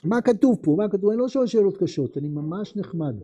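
A male teacher leading a classroom text lesson, asking his students many questions in a lively way. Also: high-pitched, slightly rough, highs cut off.

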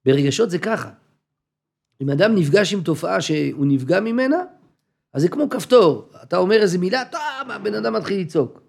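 Male religious teacher, informal class, husky voice, acts out exchanges, repeats for emphasis. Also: high-pitched, lively intonation. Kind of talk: informal Torah class to a group.

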